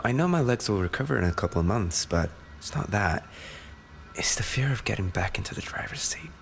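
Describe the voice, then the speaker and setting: In an intimate roleplay audio, a man plays an affectionate racing-driver boyfriend who is injured, vulnerable and loving, speaking softly and tenderly, often near a whisper. His low voice is gravelly, with a little hiss or hum.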